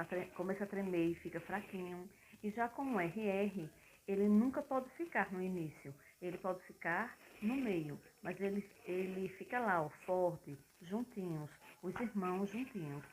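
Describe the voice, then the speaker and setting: A woman's voice: on the low side, a little hiss or hum, low-quality recording. Chatty woman schoolteacher. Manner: chatty, talks straight to pupils. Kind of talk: casual classroom explanation.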